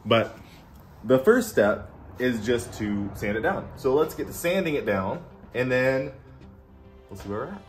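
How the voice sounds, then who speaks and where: A man's voice: medium pitch, very animated, measured pace, pauses often, soft background music. A man in his thirties chatting casually through a hands-on tutorial, his speech slurred from a mouth numbed by dental work, joking at his own expense. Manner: self-deprecating, joking. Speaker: DIY car restoration host. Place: home garage, indoors. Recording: noisy garage ambience.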